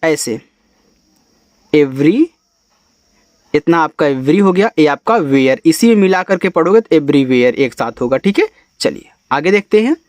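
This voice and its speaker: A young man with a fairly high voice teaches beginners to read English. He spells each word letter by letter, then patiently explains its sounds step by step. The recording is dry and close. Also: expressive, normal speed, darkish tone, no echo. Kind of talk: spoken lesson on reading English words.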